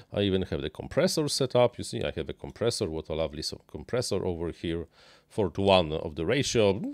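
A low, nasal man with vocal fry speaks in halting bursts full of uhs, restarts, and non-native phrasing. As an RC hobby streamer, he improvises chat while building a model plane at a small indoor home workshop desk. His boom-arm dynamic mic and headphones yield a dry, studio-quality recording.

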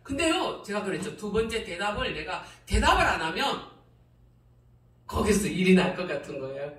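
A woman's voice: medium pitch, big pitch swings, normal speed, fairly bright tone. A middle-aged woman pastor gives a testimony sermon, laughing often and re-enacting her own cries to God. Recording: roomy hall from a distance.

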